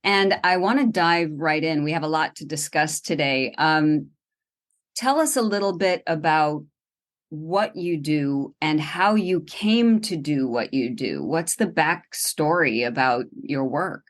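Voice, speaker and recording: Low-voiced woman podcast host. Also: measured pace. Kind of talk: podcast interview.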